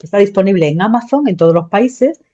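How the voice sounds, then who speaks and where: A woman's voice: mid-range voice, fairly quick. A woman, telling her story as an interview guest, talking animatedly with frequent restarts. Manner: animated, many restarts and repetitions. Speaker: guest recounting a near-death experience. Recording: dull lo-fi sound.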